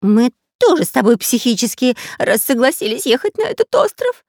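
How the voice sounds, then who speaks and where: A woman's voice: on the high side, big pitch swings, a little fast, no echo, clean studio sound, voice pushed up. A woman doing a whiny cowardly robber. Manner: whining, squealing, quarrelsome. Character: whiny, cowardly long-nosed male robber. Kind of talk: audiobook character voice.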